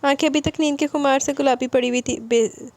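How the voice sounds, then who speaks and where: A woman with a fairly high voice reads a novel aloud, lifting her pitch and pushing harder whenever a character speaks. The sound is dry and close, with no room around it. She carries the narration at a steady storytelling pace. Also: no echo. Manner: voices dialogue with raised pitch and more force. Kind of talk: novel read aloud, voicing each character.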